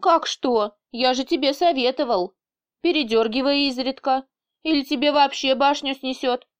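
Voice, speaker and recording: A woman voicing a calm, mocking male boss who is stuck in a woman's body, with a teasing, unflappable manner. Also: sits high, moderate pace, clean tone, pitched above the performer's own voice, lightly acted.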